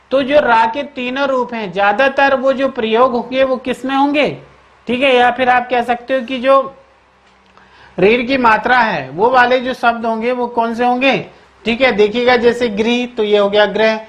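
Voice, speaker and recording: A woman teaching an exam-prep grammar lesson. She keeps checking in with the class, asks questions and answers them herself, and repeats key words slowly. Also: fairly high pitch, fairly bright tone.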